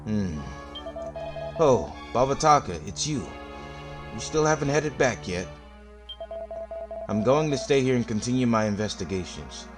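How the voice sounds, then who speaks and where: A man's voice: mid-range voice, lively intonation, a little slow, pauses often, music in the background, natural voice. A man voicing a self-important male explorer who talks in pompous, formal phrasing.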